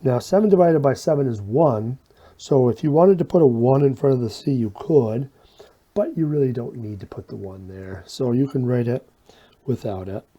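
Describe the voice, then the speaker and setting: A man with a mellow, husky, medium-pitched voice talks through math problems at a moderate pace in an informal step-by-step video lesson. His manner is folksy, he quizzes himself and supplies the answers, and his s sounds carry a slight whistle.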